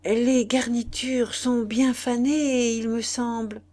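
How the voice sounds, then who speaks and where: A man's voice: very high-pitched, little pitch movement, slow, a little mellow, voice pushed up. A woman reading aloud and voicing a timid, humble man who answers meekly and hesitantly. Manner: meek and stammering.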